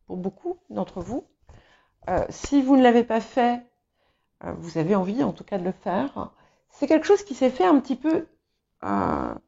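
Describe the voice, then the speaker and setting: A tarot reader, a native English speaker, gives a reading slowly and haltingly, with plenty of fillers and restarts. Her fairly high voice is mellow and unhurried. A small clip-on mic makes it sound a little dull and lo-fi.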